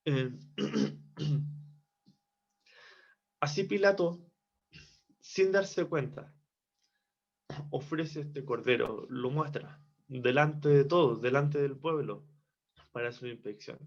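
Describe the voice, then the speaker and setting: A man giving a devotional Bible teaching from Chile, reflective and repeating phrases for emphasis. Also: mid-range voice. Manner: slow, reflective, with restarts and emphatic repetition. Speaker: preacher. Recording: dull lo-fi recording.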